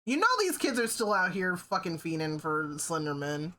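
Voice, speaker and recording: A woman's voice: fairly low pitch, sing-song, moderate pace, fairly bright tone. A woman livestreamer chatting casually with her viewers, swearing freely and laughing often. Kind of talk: casual stream chat.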